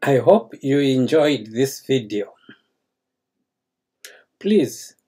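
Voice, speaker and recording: A man's voice: medium pitch, a little mellow. An older man who grew up in Zambia, speaking to camera as the host of a cooking channel. He addresses his viewers in a courteous, formal way, seated in a small indoor room. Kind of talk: slow, formal talk to camera.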